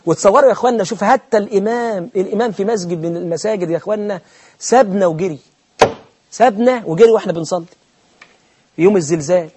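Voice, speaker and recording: Husky, fast-talking Egyptian preacher. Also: male voice, high-pitched. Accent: Egyptian Arabic. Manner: animated storyteller, acts out anecdotes with humor. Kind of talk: colloquial sermon.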